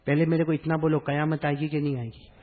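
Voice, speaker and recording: A male preacher giving a sermon to a live gathering, calling out for the crowd to repeat after him and chanting verses slowly, moving between hushed talk and loud calls. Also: a little high, flat delivery, narrow, tinny audio. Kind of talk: sermon with call-and-response.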